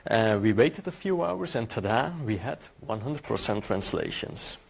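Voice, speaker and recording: A middle-aged man whose native language is Dutch presents a technical conference talk in English with a Dutch accent. His voice is lowish, husky and animated with vocal fry, at a moderate pace, and he's hesitant, full of filler sounds and restarts.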